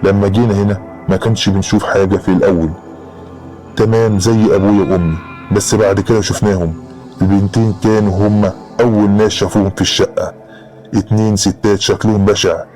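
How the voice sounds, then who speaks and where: A man's voice: fairly low pitch, little pitch movement, fast, a little mellow, soft background music. A man with an Egyptian Arabic accent narrating a horror story in the first person, in a dramatic storytelling style.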